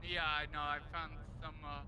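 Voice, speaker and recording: A man's voice: on the high side, little pitch movement, normal speed, sharp tone. A man casually giving tips to fellow gamers. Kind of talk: casual gaming advice. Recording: noisy game voice chat.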